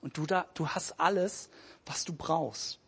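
A man voicing a calm, loving older father who speaks gently and quietly to his son. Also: on the high side, a little slow, slightly rough, exaggerated voice. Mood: calm tender.

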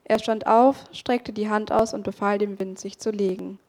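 A woman narrating a storybook with a calm, steady voice. She reads expressively, slowing down at key turns of the story. Her pitch sits in an ordinary middle range. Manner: calm, expressive read-aloud. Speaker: story reader.

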